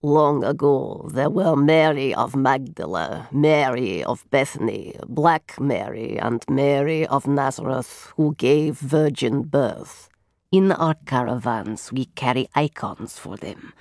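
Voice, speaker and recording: Old female fortune-teller, audiobook, deep, softly rasping, hushed, slow, cryptic. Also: no echo, studio quality, exaggerated voice. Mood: chanting. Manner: slow, hushed, chanting litany. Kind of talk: audiobook character voice.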